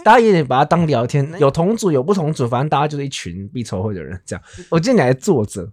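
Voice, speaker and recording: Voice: medium pitch, big pitch swings, a little mellow, no room sound, clean studio sound. A young adult, chatting casually and teasing a friend. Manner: teasing, quick-talking. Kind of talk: casual chat.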